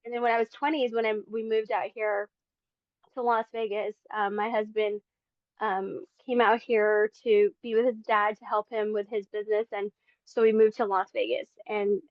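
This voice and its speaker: A Filipino woman in her forties, speaking from her Las Vegas home as a podcast guest, shares her faith testimony in an earnest, chatty way full of fillers. Her mid-range voice moves little in pitch and keeps a moderate pace. The audio is dull, with no room sound.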